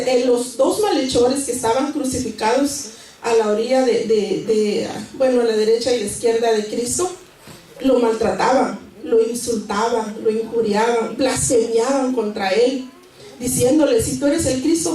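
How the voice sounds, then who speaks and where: A woman's voice: fairly high pitch, steady tone, moderate pace, dark tone, distant mic. Nervous woman preaching in an echoey church. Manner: nervous, earnest, with restarts and repetitions. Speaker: church member giving a sermon. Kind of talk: church sermon with Bible reading. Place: church sanctuary. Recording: echoey church hall recorded from afar.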